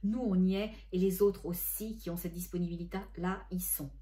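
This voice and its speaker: Chatty woman, mellow voice. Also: lowish voice, steady tone, moderate pace. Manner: chatty, self-correcting, relays spirit messages in gentle tones. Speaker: spiritual medium. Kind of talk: channeling session monologue.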